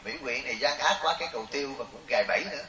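Very fast and pushed, with a bright medium-pitched voice, a middle-aged man gives a chatty, funny Buddhist sermon full of stories. He keeps turning to quiz his audience, and the distant mic picks up a roomy sound.

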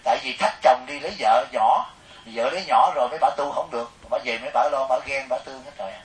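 A middle-aged man with a Southern Vietnamese accent, a Buddhist monk telling animated, joking stories in a sermon to a live audience. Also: mid-range voice, fast talker. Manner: animated, jokey, acts out quoted people. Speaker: Buddhist monk giving a dharma talk. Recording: echoey hall, mic at a distance.

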